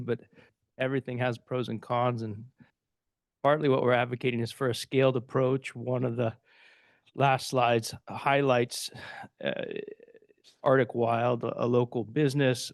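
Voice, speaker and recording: A man presenting at a conference, answering audience questions in a thoughtful, measured way that often trails off. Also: mid-range voice, no echo.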